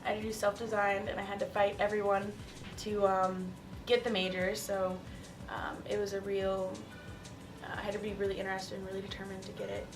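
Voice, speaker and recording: A woman's voice: medium pitch, level tone, fairly quick, over music. A young woman, a college senior, speaking hesitantly with fillers in a documentary interview. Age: young adult. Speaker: student. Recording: echoey, distant from the mic.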